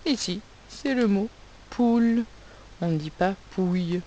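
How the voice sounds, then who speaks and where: A woman teacher giving a recorded spelling lesson for young pupils, slowly sounding out words and spelling them letter by letter. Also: fairly high pitch, animated, dark tone, dull audio, a little hiss or hum. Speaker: primary school teacher.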